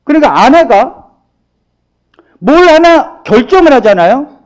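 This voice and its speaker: A man's voice: very high voice, unhurried. A male pastor delivering a sermon, asking the congregation questions and answering them himself. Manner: animated, preaching with rhetorical questions to the congregation.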